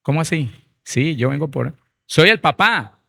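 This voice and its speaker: A man voicing an irresponsible, offhand father who talks in a quick, dismissive way. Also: fairly high pitch, animated, vocal fry, bright, forceful tone, dry recording, exaggerated voice.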